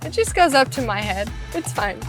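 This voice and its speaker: A woman hosting a home renovation vlog in casual talk, bubbly and quick to laugh. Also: a little high, lively intonation, soft background music.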